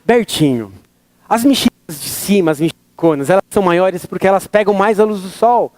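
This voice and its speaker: A man's voice: sits high, a little fast, darkish tone, no echo, close to an everyday voice. A man with a Brazilian accent voicing his folksy middle-aged mother, who talks in a homespun, chatty way. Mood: explaining. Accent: Brazilian Portuguese.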